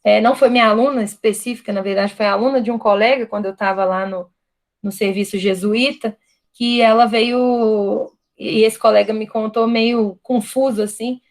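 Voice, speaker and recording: A woman with a Brazilian Portuguese accent, speaking at a fairly high pitch with fairly even intonation and normal speed. She is a guest lecturer in an online university class, talking thoughtfully, often restarting sentences and adding "né?" tags.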